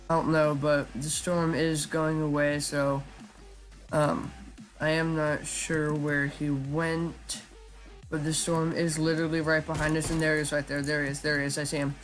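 A man giving casual live commentary while he plays a shooter game, talking in a flat, chatty way with lots of ums. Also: on the high side, measured pace, pauses often, soft background music. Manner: self-described monotone, chatty, with frequent ums. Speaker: gaming YouTuber.

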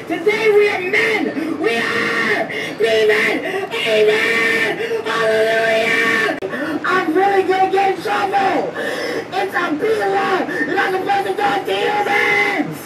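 A man voicing an excited, nervous young male cartoon bee in an animated film, his voice sped up and pitched high. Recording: echoey film audio heard from far off, loud crowd and noise.

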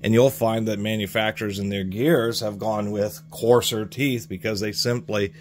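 A man's voice: fairly low pitch, fairly even intonation, moderate pace, a little hiss or hum. A man reviewing hand tools at his workbench in a casual, explanatory way, rambling and restarting his sentences. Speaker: tool reviewer. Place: workshop bench, hands on tools.

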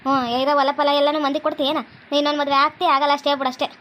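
Here a woman voices the female characters of a home cartoon, rapid-fire and a bit bright, her high voice showing little pitch movement. She has a North Karnataka Kannada accent, and her performance is dramatic and scolding.

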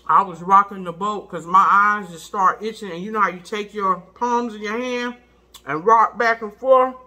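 A middle-aged woman with a very bright, forceful voice, chatting casually over her food. She chews while talking and speaks in a folksy, expressive manner, repeating words for emphasis. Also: medium pitch, normal speed. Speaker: mukbang video host. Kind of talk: casual chat while eating.

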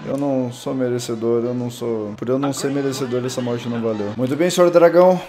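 A young man with a Brazilian Portuguese accent, excitedly commentating his own gameplay, yelping and exclaiming at every hit. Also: medium pitch, quick pace. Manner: excitable, yelps and exclaims constantly, self-mocking. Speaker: gaming channel host. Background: faint game music.

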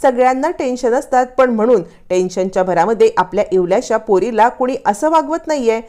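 A woman's voice: fairly high pitch, expressive, fairly quick, dark tone, close to an everyday voice. A woman reading a firm, protective young mother. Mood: insistent.

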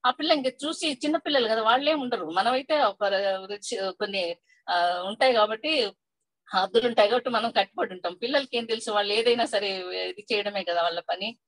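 A woman's voice: fairly high pitch, fairly quick, dry recording, poor audio. An older woman sharing a personal family story at a spiritual workshop, talking casually and quoting her relatives in brief asides. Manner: conversational, quotes family members in lively asides. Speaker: workshop participant sharing experience.

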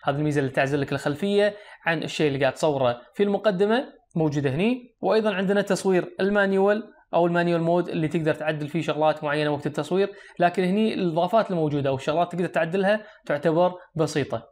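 A young Kuwaiti man, a tech reviewer, talks very fast in a high-ish, darkish voice as he walks viewers through a phone's features. He sits at a desk in a small indoor room, close to the camera.

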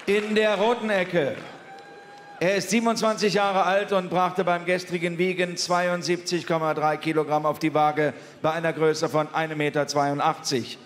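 High-pitched booming male boxing ring announcer. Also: level tone, normal speed. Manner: booming, ceremonious, projecting to the arena. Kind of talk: formal boxing ring announcing with drawn-out shouted names. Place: large indoor boxing arena. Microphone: announcer microphone over arena PA. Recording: echoey arena PA with loud crowd noise.

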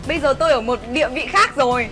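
A high-pitched, arrogant young wife, played by a woman, in a web skit drama. She talks down at people with open contempt, quick and cutting. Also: natural voice. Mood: scornful. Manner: sneering, arrogant. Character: scornful unfaithful young wife. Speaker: actor. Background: background music.

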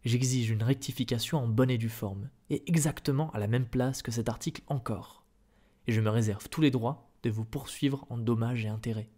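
A man playing an outraged painter who protests and pleads, in a soft-spoken ASMR reading. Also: mid-range voice, moderate pace, close to an everyday voice. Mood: indignant. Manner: exasperated, protesting. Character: indignant middle-aged male painter, outraged and desperate.

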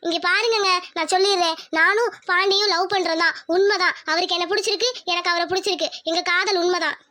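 A woman voicing a gentle, poor young village girl in a cartoon, pleading and tearful. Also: very high-pitched, fairly even intonation, fast talker. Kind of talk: cartoon voice acting.

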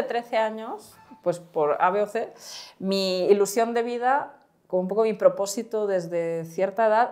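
A woman's voice: mid-range voice, a little mellow. A woman from Spain with a Spanish accent and a few Mexican expressions, a startup cofounder being interviewed. She rambles a little and keeps adding tag questions and fillers. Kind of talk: casual interview.

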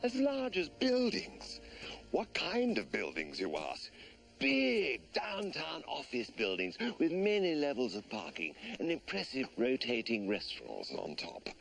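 A man's voice: medium pitch, wildly swooping pitch, unhurried, vocal fry, fairly bright tone, heavily acted. A man narrating a mock nature documentary in a pompous, portentous manner.

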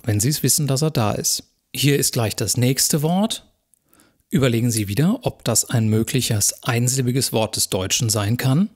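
A calm male lecturer walks his viewers through exam questions one step at a time. His voice sits at an ordinary middle pitch, and his delivery is measured and methodical, like a recorded university lesson.

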